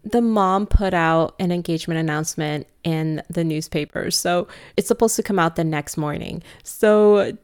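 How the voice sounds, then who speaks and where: A woman's voice: fairly low pitch, moderate pace, hardly any pauses, darkish tone, clear, resonant tone. Chatty woman recapping a movie. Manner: chatty, laughs often, acts out quoted lines. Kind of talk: casual movie recap chat.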